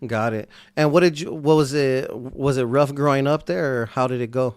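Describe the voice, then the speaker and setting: A male host runs a live online interview in a loose, upbeat manner. He peppers his questions with slang. His voice sits at a medium pitch. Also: normal speed, darkish tone, smooth, dry recording. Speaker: show host.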